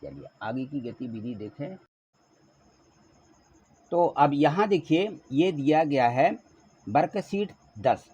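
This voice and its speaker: A man's voice: mid-range voice, a little mellow, a little hiss or hum. A man teaching a school lesson patiently, repeating each word and asking the class to say it back. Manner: patient, repeats words and asks questions back. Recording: dull lo-fi recording.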